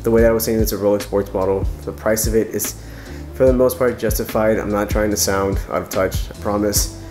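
Over music, a man in his thirties reviews watches from his living room, couch behind him and evening lighting around. His fairly low, steady voice moves briskly but sounds stuffy and nasal from a cold, and his casual, enthusiastic chatter is full of restarts.

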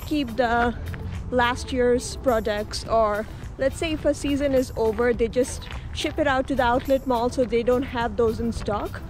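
A young woman chatting upbeat and at length in a casual vlog, talking into an action camera held at arm's length in a parking lot. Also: a little high. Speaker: vlogger.

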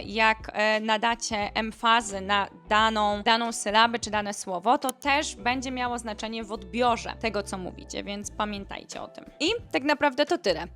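A woman's voice: a little high, a bit bright. A woman who grew up speaking Polish, chatting casually in an online lesson as she explains English phrases with quoted examples. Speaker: English teacher.

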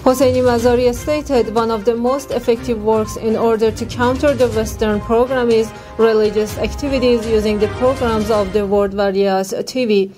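A woman's voice: on the high side, steady tone, moderate pace, hardly any pauses, music in the background, rough recording. Young Afghan-accented woman reading news. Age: young adult. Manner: formal. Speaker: newscaster.

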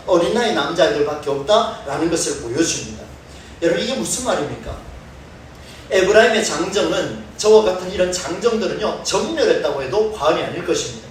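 A man preaching in a large sanctuary, his high voice swinging widely as he gets the congregation to count and repeat words with him. The sound comes from well back in the room, with heavy church reverb and a faint hiss of ambience. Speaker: pastor. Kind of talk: sermon. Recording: echoey hall from far off.

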